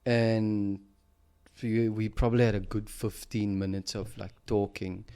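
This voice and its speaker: A man's voice: fairly low pitch, little pitch movement, unhurried, mellow, clean tone. A man hosting a podcast, telling a personal story in a reflective, casual way, with many fillers and restarts. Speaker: podcast host.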